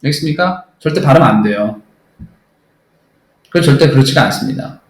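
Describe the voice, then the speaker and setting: A male English teacher lectures with a blunt, emphatic delivery and a fairly high voice. He keeps checking whether the class has understood. The room adds a noticeable echo. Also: fairly bright tone.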